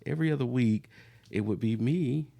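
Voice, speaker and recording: A man's voice: mid-range voice, normal speed, creaky, dark tone. A man in his forties hosting a casual podcast chat with his wife, easygoing and laughing often. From Florida, US. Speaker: podcast host.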